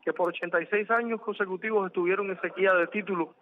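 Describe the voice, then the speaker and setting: A man speaks hesitantly in a casual chat, restarting his sentences as he goes. His voice is fairly high for a man. He comes through a tinny phone line with a faint hiss behind him. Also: steady tone, fast talker. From Cuba. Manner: hesitant, with many fillers and restarts.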